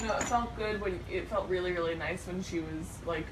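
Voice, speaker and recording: A woman's voice: fairly low pitch, fairly quick. Young woman chatting casually, distant and echoey. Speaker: patient trying a treatment on camera. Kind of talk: casual chat. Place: acupuncture treatment room. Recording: noisy echoey room, off the mic.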